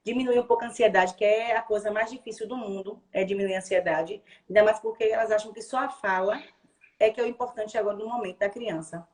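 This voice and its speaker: A woman with a Bahian Brazilian accent, a speech therapist explaining advice to parents on a video call, lively and acting out example phrases for a child. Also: mid-range voice, quick pace. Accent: Bahian Brazilian Portuguese. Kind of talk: explaining advice in a live chat.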